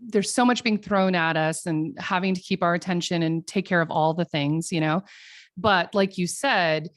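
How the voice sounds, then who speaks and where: A woman therapist being interviewed on a podcast, lively and quick to laugh. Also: on the low side. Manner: lively, laughs easily, many fillers. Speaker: guest, therapist. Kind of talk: casual interview chat.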